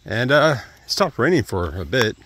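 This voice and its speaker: A man's voice: mid-range voice, sing-song, normal speed, fairly bright tone. A man in his thirties vlogging casually while hiking a wooded trail, rambling and trailing off with fillers, recorded on an earbud mic with the phone at arm's length. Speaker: thru-hiker vlogger.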